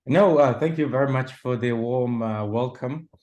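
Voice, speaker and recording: A man from Sudan, a journalist answering interview questions in a measured way, often pausing and restarting. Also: mid-range voice, darkish tone. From South Sudan / Sudan. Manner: measured, with frequent hesitations and restarts. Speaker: journalist guest.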